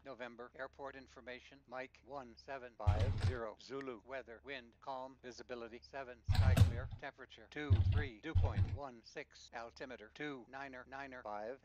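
A man's voice: medium pitch, a little fast, long pauses. Male automated airport weather broadcast. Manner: flat, clipped recitation of numbers and codes. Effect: automated airport weather broadcast over the radio. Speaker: recorded airport weather information. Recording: dull lo-fi radio audio.

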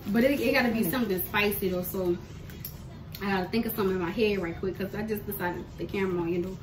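A woman's voice: mid-range voice, fast talker. A young woman with a New Orleans accent hosting a casual mukbang chat, bubbly and laughing often in loose slangy talk. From New Orleans, USA. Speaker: host. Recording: echoey room, mic at a distance, noisy.

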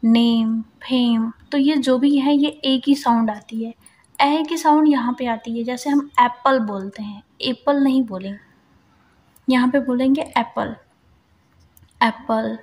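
A woman with a somewhat high voice teaches English phonics. She talks in Hindi mixed with English words and sounds out each vowel slowly and carefully to demonstrate it. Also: a little mellow. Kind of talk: explaining phonics in a casual lesson.

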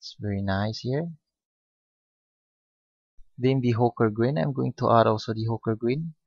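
A man giving a step-by-step painting lesson, speaking unhurriedly with many pauses and fillers. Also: medium pitch, gravelly, darkish tone, dry recording. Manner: unhurried, hesitant with frequent fillers. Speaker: painting instructor. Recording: dull lo-fi recording.

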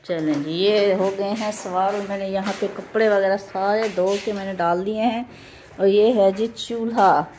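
A woman's voice: medium pitch, steady tone, a little mellow, a little hiss or hum. A woman speaking plainly and matter-of-factly in a casual home vlog.

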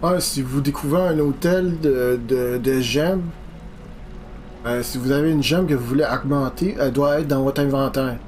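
A man's voice: medium pitch, normal speed, a little mellow. A man with a Quebec French accent giving casual, rambling, informal commentary as he streams a game. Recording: game music behind the voice. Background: video game music.

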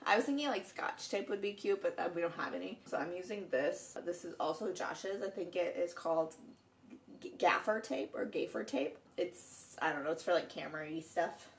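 A woman's voice: on the low side, normal speed, creaky. A young woman from Minnesota vlogging at home, chatting casually and giggling, with a froggy morning voice. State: morning voice, just woke. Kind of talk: casual chat to camera. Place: at home, indoors. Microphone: camera on a stand.

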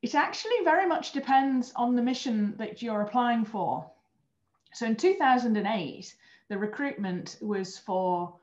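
Her voice is mid-range with a darkish tone: a European woman in her thirties, formerly an astronaut trainer, appearing as a guest in a video call interview. She talks earnestly about her work, occasionally restarting a phrase. The webcam audio comes across muffled and lo-fi, wrapped in roomy echo.

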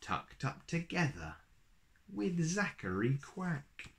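Reading a picture book to young children, a man in his thirties uses a somewhat high voice and an expressive, deliberate storytelling style. The setting is a small, plain indoor room.

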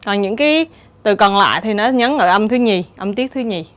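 A woman teacher giving a steady, explanatory exam-prep lesson and reading the answer options aloud. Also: mid-range voice, normal speed. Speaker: English teacher.

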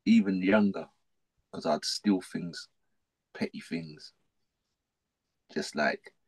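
A man's voice: low-pitched, takes it slowly, creaky, husky. A middle-aged man from South London with a South London accent, telling his life story as a podcast guest in casual, slangy talk. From South London, England. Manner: slangy, animated, repeats himself.

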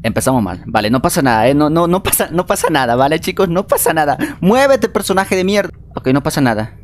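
A man's voice: on the high side, animated, fast talker, slight background noise. A man streaming a multiplayer horror game, talking to his viewers and teammates, and shrieking and swearing whenever he gets scared. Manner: jumpy, screams and swears when scared. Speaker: gaming streamer. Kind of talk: live let's-play commentary.

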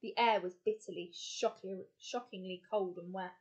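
A woman's voice: medium pitch, moderate pace, highs cut off. Woman teacher reading a storybook aloud. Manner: steady narration with small self-corrections. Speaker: teacher reading a children's novel.

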